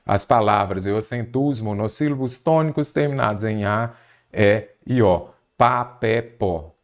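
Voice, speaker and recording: A man's voice: on the low side, unhurried. A man teaching an exam-prep grammar lesson, patiently posing questions and answering them himself. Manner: patient, asks and answers his own questions. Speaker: Portuguese teacher.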